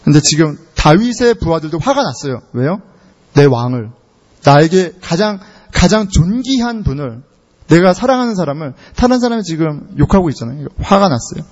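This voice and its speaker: A male pastor with a high, swooping voice preaching to his congregation, telling the story with lots of rhetorical questions. The sound is dull and lo-fi. His words ring out with a long reverb, as if in a large church hall. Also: big pitch swings, normal speed, a little mellow. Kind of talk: sermon.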